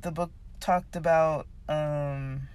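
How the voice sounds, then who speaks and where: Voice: medium pitch, fairly even intonation, slow, a little mellow, clean tone. Someone whose voice is giving out, talking casually and unscripted about a book, hesitant and thinking aloud. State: losing voice, voice giving out. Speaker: reader discussing a self-help book.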